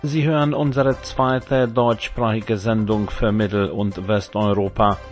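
A man's voice: fairly low pitch, fairly even intonation, measured pace. A man giving a formal, scripted station identification, heard as a distant shortwave radio sound. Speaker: station announcer. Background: loud music.

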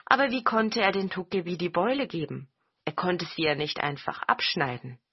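A woman storyteller reading a fairy tale slowly and deliberately. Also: fairly low pitch, slightly rough, no echo. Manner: slow and deliberate. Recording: dull lo-fi recording.

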